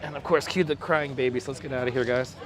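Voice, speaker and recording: Speaking fast with fairly even intonation, a hoarse man streams live from a beach boardwalk and welcomes viewer after viewer by name in a crackly, squeaky voice. His wireless clip-on mic catches crowd noise along with faint traffic and city ambience.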